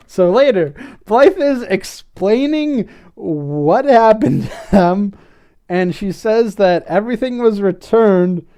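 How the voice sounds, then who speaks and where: A man's voice: high-pitched, mellow, clean tone. A man hosting a podcast, casually recapping a cartoon episode, rambling with frequent filler words and restarts and laughing often. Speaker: podcast host.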